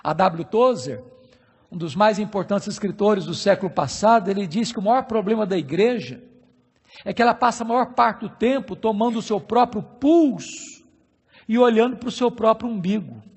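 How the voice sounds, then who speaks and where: High-voiced Brazilian preacher in a reverberant hall. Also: male voice, lively intonation, darkish tone, husky. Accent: Brazilian Portuguese. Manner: emphatic preaching with slow stressed phrases and rhetorical questions. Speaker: pastor. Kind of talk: sermon.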